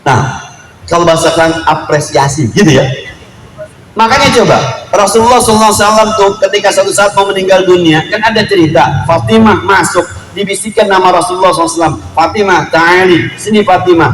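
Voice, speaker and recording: A man preaching a storytelling sermon at a family celebration, lively and joking, acting out quotes in street slang. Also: high voice, fast talker, soft background music. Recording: echoey room with faint ambience.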